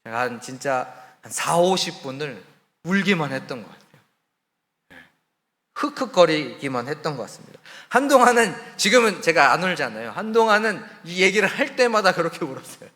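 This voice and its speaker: Lively bright-voiced male preacher. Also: fairly high pitch, a little fast, long reverb tail. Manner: candid storytelling, soft and confiding at moments. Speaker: missionary preacher. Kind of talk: testimony sermon. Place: church sanctuary.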